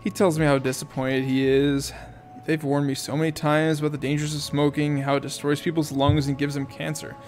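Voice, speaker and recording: A man's voice: on the high side, little pitch movement, a little fast, darkish tone, faint music behind. Man casually reading an audiobook aloud. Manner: casual reading with asides and self-corrections. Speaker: audiobook reader. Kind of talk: amateur audiobook narration.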